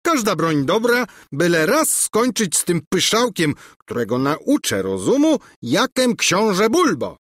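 A man's voice: sits high, very animated, a little slow, hardly any pauses, a bit bright, no room sound, studio quality, pitched above the performer's own voice, full character voice. A man voicing a pompous, boastful young prince.

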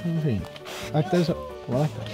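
A man's voice: on the high side, music in the background. A man in his twenties, a YouTuber joking and laughing as he vlogs outdoors at a farm with animals. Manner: joking, playful, laughs often. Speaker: YouTuber filming with his nephew. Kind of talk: casual vlog chat.

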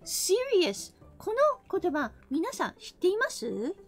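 Woman from the American South, streamer teaching English; high, bouncy voice, playful with mock-angry slang outbursts, faint music behind. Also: huge pitch swings, slow. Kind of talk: casual live-stream English lesson.

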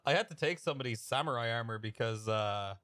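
A young Irish man streaming a shooter game with a friend, excitable, swearing and laughing at himself. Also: mid-range voice, quick pace, dry recording. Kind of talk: gameplay commentary with a friend.

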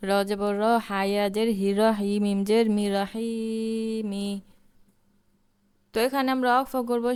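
A woman's voice: a little high, a little mellow, clean tone. A woman teaching Quran reading, spelling Arabic words letter by letter and reciting them with long drawn vowels.

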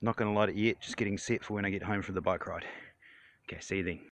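A man's voice: fairly low pitch, fairly even intonation, quick pace. A man in his forties with a broad New Zealand accent, chatting casually and laconically in slangy, sweary phone-vlog style. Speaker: vlogger. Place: mostly outdoors, some in a car. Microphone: handheld phone at arm's length. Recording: wind and traffic noise on phone mic.

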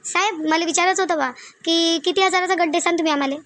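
A woman voicing calm peacemaking village group leader. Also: very high-pitched, fast, slight background noise. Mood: polite. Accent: Varhadi Marathi. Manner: soothing, pleading, repetitive.

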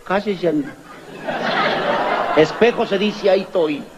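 A man doing a stand-up comedy routine, telling jokes in an animated way and acting out characters in squeaky and whispered voices. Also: slow. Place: stage before a live audience. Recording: lo-fi live stage recording with crowd noise.

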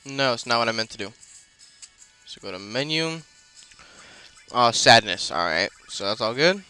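A man's voice: mid-range voice, expressive, normal speed, bright, forceful tone, clear, resonant tone, faint music behind. A man casually commenting while he plays a video game, rambling with many fillers and self-corrections as he explains what he is doing. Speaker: let's play host.

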